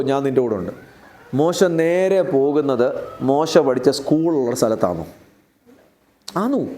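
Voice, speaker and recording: Male pastor with a Keralite Malayalam accent, fairly high voice, conversational sermon that keeps questioning the congregation. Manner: questioning the congregation and retelling Bible stories in a lively, conversational way.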